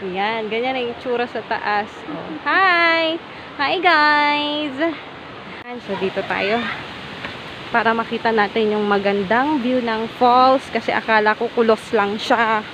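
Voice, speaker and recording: A woman vlogging casually while walking outdoors at waterfalls, chatty and exclaiming, laughing often. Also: fairly high pitch. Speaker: travel vlogger. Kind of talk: casual travel vlog narration. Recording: loud rushing waterfall noise outdoors.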